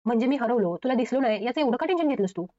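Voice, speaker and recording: A playful young husband jokes and teases in a light, quick voice, read by a woman. His voice stays fairly high and the pace is rapid. The recording sounds a little dull and lo-fi. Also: lively intonation, dark tone, close to an everyday voice. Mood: teasing.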